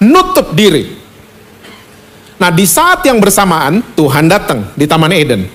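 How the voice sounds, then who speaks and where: Pastor guy preaching in church, high voice, chatty and animated, keeps asking the crowd stuff. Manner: animated, conversational, asks the congregation questions. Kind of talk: lively preached sermon. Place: church service.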